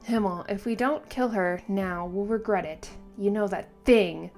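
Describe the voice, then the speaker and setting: A woman's voice: medium pitch, unhurried, darkish tone, faint music behind, close to an everyday voice. A woman voicing a stern, unyielding female elf mage from a manga in a matter-of-fact manner. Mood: stern, dry.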